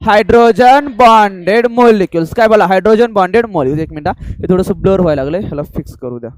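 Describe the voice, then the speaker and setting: A man's voice: high-pitched, dry recording. A male chemistry teacher with a Marathi accent, lecturing a classroom and making students repeat answers aloud, mixing in English terms. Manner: call-and-response drilling, urging students to answer loudly; mixes English terms into fast classroom talk.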